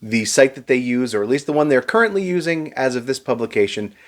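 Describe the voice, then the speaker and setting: A man reviewing a show to camera, explaining prices and seating in a steady, advice-giving way with a touch of dry sarcasm. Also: mid-range voice, fast.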